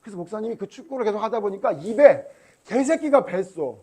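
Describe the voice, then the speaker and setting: A man's voice: sits high, expressive, fairly quick, mellow, breathy edge. A male pastor giving a Sunday school sermon to children, chatting with them and quizzing them with questions.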